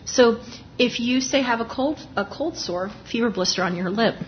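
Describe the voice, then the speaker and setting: A woman's voice: on the high side, moderate pace, lo-fi sound, a little hiss or hum. A woman lecturing on dermatology in a conversational, explanatory way, restarting sentences often and talking with a lozenge in her mouth. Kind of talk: live lecture.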